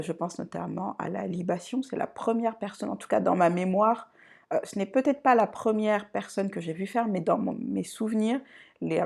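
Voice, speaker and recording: A woman from Côte d'Ivoire and France introducing herself on her channel, speaking in a reflective, unhurried way and often pausing to search for words. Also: medium pitch, gravelly, darkish tone. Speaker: channel host. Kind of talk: personal introduction vlog.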